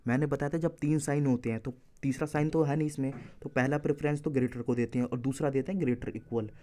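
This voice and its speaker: A man teaches exam reasoning one step at a time and stops to correct himself when he slips. His voice is mellow and warm, at an ordinary middle pitch. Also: fairly even intonation, fast, a little hiss or hum. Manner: explains step by step, corrects himself mid-solution. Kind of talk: exam-prep lesson walking through answers.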